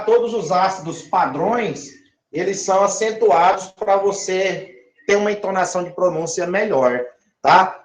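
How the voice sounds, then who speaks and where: A man teaching chemistry, drawing out words and often checking that his listeners follow. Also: high voice. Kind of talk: recorded classroom lesson. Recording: echoey room.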